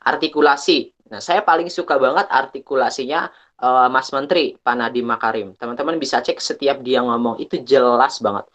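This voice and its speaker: A young man speaking in a chatty, casual way at an online workshop. He often restarts and pauses with fillers. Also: mid-range voice, fairly bright tone. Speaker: webinar speaker.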